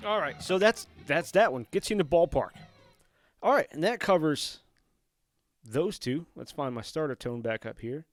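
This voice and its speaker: A man hosts a guitar lesson in a slightly high voice with lively intonation at a normal speed. Casual and hands-on, he thinks aloud while tweaking his settings and makes self-deprecating jokes about his own playing.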